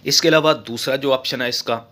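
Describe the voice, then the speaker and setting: Bright-voiced man doing a how-to. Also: medium pitch, steady tone, brisk. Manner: chatty, often tags lines with 'okay'; voice-over with no face on screen. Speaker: host of a TV repair channel. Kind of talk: casual how-to tutorial.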